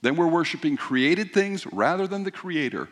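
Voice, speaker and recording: A man's voice: fairly high pitch, expressive, normal speed. A man preaching a sermon in a church as pastor, explaining in a conversational teaching manner that builds to emphatic points.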